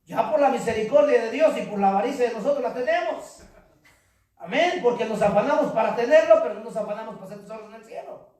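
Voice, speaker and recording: A man preaching a sermon as pastor, rising into shouts and calling for congregation responses. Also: very high voice, quick pace. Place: church hall. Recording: very echoey hall, mic far off.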